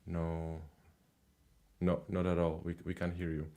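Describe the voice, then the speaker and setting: Hosting a live call-in stream about language, this man speaks a little slowly in a low voice. His chat with callers is casual and relaxed, peppered with fillers and repetitions.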